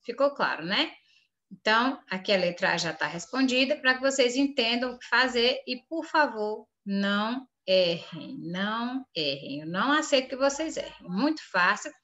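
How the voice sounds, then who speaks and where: A woman's voice: fairly high pitch, normal speed, bright, forceful tone. A woman teacher with a Brazilian Portuguese accent, reading through an exam and firmly urging her pupils not to make mistakes.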